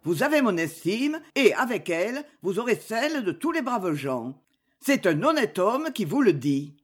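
A woman reading aloud, voicing a gruff, blustering old gentleman with a husky, lowered voice. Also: sing-song, normal speed. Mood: approving.

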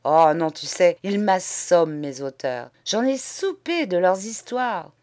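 A woman's voice: on the low side, big pitch swings, measured pace, dark tone. A woman voicing a cynical, spoiled young Parisian man with a drawling Paris accent, mocking and gleeful, in an audiobook. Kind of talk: audiobook character voice.

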